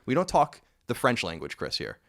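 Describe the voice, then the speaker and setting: A man's voice: medium pitch, wildly swooping pitch, moderate pace, fairly bright tone. A man in his thirties hosting a casual podcast, rambling and correcting himself with wry asides. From United States. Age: 30s. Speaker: podcast host.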